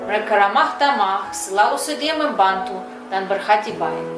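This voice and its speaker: A middle-aged woman from Moscow, a native Russian speaker with a Russian accent, gives a prepared personal testimonial in fluent Indonesian-Malay as a foreigner. Her mid-range voice is expressive and moderately paced, and the distant mic makes the sound roomy, with music behind her.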